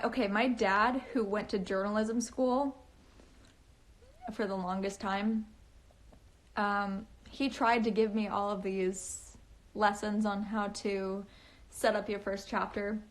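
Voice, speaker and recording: A young woman chatting on a casual livestream from home, talking in a nervous valley-girl way with lots of fillers and restarts. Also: medium pitch. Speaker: author livestreaming to fans. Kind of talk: casual livestream chat, reading comments. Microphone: phone.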